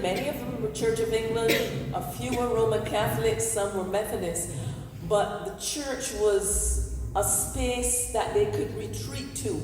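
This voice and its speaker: A woman's voice: fairly high pitch, a little mellow. A woman hosting a community talk in a church, speaking earnestly to an audience through a handheld microphone. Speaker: event host and historian. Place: large echoey church hall. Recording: echoey hall, room noise.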